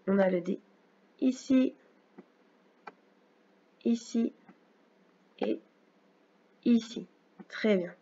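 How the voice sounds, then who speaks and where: A woman teacher giving a recorded phonics lesson, speaking slowly and clearly with patient explanations for a young child. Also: medium pitch, dark tone, dull audio. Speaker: first-grade teacher.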